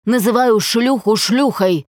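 A woman's voice: on the high side, measured pace, no echo, studio quality, natural voice. A woman voicing a domineering, jealous husband who speaks harshly and in clipped phrases.

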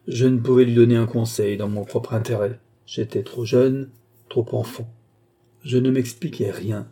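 A man's voice: medium pitch, mellow, slightly rough. A man reading a sorrowful young noblewoman. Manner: earnest, grave, plaintive storytelling. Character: young woman of fallen noble birth, recounting her grim childhood. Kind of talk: audiobook reading.

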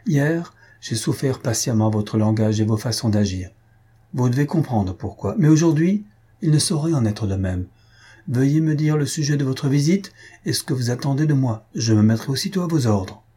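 A man voicing a calm, composed count who speaks in a cool, formal way. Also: mid-range voice, moderate pace, breathy edge, voice pushed up.

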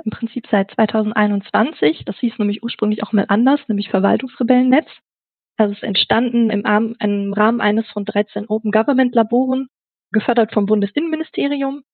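A woman's voice: fairly high pitch, brisk, no room sound. A woman from the Ruhr area, a podcast guest describing her work in a casual, chatty way that leans on fillers. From Ruhr area, Germany. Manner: chatty, fills with "genau". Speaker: podcast guest, network manager. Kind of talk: casual interview talk. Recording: tinny phone-like line.

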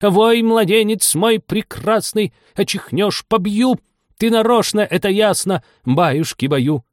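A man reading an audiobook and voicing a rude, bossy duchess who snaps and shouts at everyone. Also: sits high, sing-song, normal speed, no echo, clean studio sound, pitched above the performer's own voice. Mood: bawling lullaby. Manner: snapping, shouting harshly.

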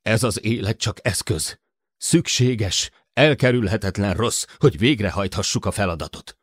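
A man voicing a weary leader who speaks calmly and grimly about duty and blame, in a spoken audiobook. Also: fairly low pitch, slightly rough, no room sound, clean studio sound, voice pushed up. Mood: grim resigned.

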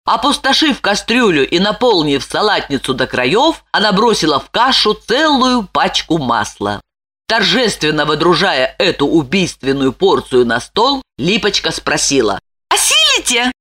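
A woman narrating an audiobook in an expressive way. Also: lowish voice, normal speed. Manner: expressive, lively.

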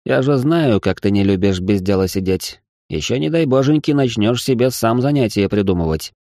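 A man voicing a loud, excitable male partner who scolds and bosses in an audiobook reading. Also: fairly low pitch, moderate pace, no room sound, studio quality, voice pushed up. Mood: bossy. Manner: shouting, exasperated scolding.

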